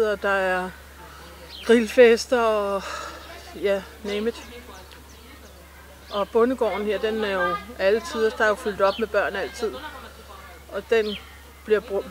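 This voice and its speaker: A middle-aged woman speaking outdoors among trees in a vox pop interview. She talks with enthusiasm and runs through long lists, her voice sitting at a middle pitch. Faint outdoor ambience plays behind her. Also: slight background noise. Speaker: resident.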